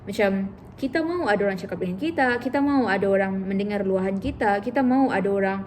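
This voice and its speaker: A woman's voice: medium pitch, quick pace, darkish tone, slight background noise. A woman therapist in a casual educational vlog, chatting and explaining with acted-out examples. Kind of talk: informal educational vlog talk.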